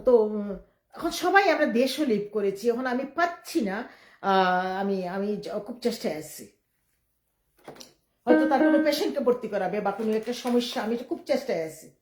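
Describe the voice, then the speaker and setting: A woman's voice: on the high side, expressive, a little mellow. Emphatic woman, roomy echo. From Bangladesh. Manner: emphatic, quick and defiant, with many restarts. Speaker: livestreamer. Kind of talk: rambling live-stream monologue. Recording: echoey room.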